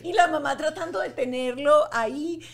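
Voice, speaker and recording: A woman hosts a casual podcast interview, her voice sitting a little high. She tells anecdotes with animated energy and laughs often along the way. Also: moderate pace, creaky, a loud crowd. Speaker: podcast host.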